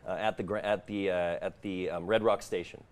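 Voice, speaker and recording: A man's voice: low-pitched, fairly even intonation, brisk. A man being interviewed as a guest on a morning show, promoting his event and often restarting his phrases. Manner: hesitant promotional talk, repeating phrase starts. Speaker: guest, haunted house operator.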